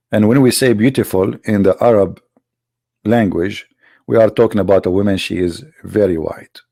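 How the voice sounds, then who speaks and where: A man's voice: mid-range voice, gravelly, a little mellow, breathy edge. A man with a cold delivering a polemical monologue, mocking and full of rhetorical questions. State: has a cold. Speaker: online religious critic.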